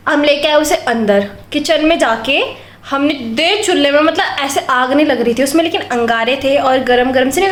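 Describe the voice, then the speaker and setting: A young woman chatting casually in a home vlog, telling childhood stories and often breaking into giggles. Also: high-pitched. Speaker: vlogger. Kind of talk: casual vlog chat and storytelling. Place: home, kitchen. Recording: echoey room with faint background noise.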